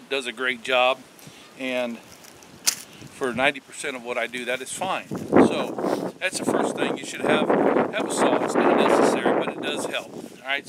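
An older man hosting a casual outdoor bushcraft tutorial, talking in a relaxed, rambling way with many fillers and restarts, filmed outdoors in winter. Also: mid-range voice. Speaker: bushcraft channel host. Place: outdoors in a snowy rural yard in winter. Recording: loud wind and outdoor noise.

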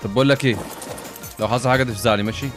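A man with an Egyptian Arabic accent talks through a game in quick, excitable bursts, swearing and throwing in English phrases. His pitch sits in a middle register, and faint game music plays behind him. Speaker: gamer. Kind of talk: gaming commentary.

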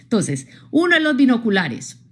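In a live-streamed motivational talk, a Colombian woman with a fairly high, breathy-edged voice speaks at a moderate pace. Expressive and direct with her viewers, she often checks in on them with tag questions.

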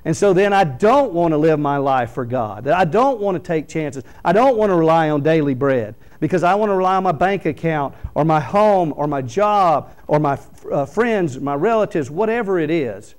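Middle-aged male pastor, slightly high voice, preaching at a podium mic in a small church, loud peaks and hushed drops. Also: expressive, moderate pace, hardly any pauses. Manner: preaching with wide swings from loud emphatic lines to quiet low ones. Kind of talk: sermon. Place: small church hall, indoors. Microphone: podium microphone.

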